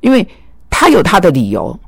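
A man teaching biblical counseling, telling anecdotes in an animated way and voicing quoted dialogue. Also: on the high side, normal speed, creaky, breathy edge, no echo, studio quality. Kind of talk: lecture with personal anecdotes.

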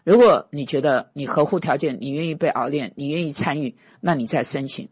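A middle-aged man, a pastor and teacher telling personal stories in a conversational sermon, emphatic and given to forceful bursts. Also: on the high side, fairly quick, slightly rough, no echo, studio quality.

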